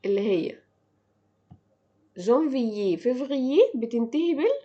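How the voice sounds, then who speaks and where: A woman teacher with an Egyptian Arabic accent, giving a language lesson and repeating each word slowly and clearly. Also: a little high, expressive, warm tone, dull audio. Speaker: French teacher. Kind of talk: slow drilling language lesson.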